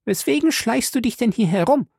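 A man reading an audiobook and voicing a jealous wife who screams her accusations in a shrill, cracking voice. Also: big pitch swings, brisk, no room sound, studio quality. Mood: furious. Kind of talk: audiobook character voice.

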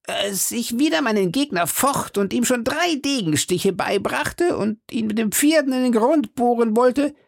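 A man reading an audiobook plays a jovial, swaggering musketeer who brags about his duels. The voice is lifted well above his own and has a gravelly edge, recorded close and dry. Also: very high voice, lively intonation, unhurried, few pauses, no room sound, pitched above the performer's own voice, exaggerated voice. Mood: boastful. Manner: swaggering, boastful. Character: boastful, hearty male musketeer, bedridden, jovial.

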